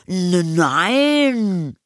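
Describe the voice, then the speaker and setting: A woman's voice: fairly low pitch, very animated, very slow, dry recording, studio quality, voice pushed up, exaggerated voice. A woman voicing a flustered young boy in an audiobook reading, stammering and evasive as he hides a secret. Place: studio.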